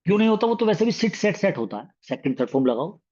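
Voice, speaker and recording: A male teacher, voice sitting a little high, runs an exam-prep grammar lesson. He explains in quick Hindi, then slows down and leans hard on each English example sentence. The recording sounds muffled and lo-fi. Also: very animated, darkish tone, slightly rough.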